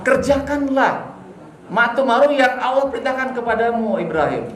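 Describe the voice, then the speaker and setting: A man's voice: extremely high pitch, normal speed, slight background noise, voice pushed up. A devout young son answers his father in a raised, willing voice, as a Sundanese-tinged preacher puts him on. The sound carries the echo of a hall. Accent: Sundanese-tinged Indonesian. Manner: willing, submissive. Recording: echoey room.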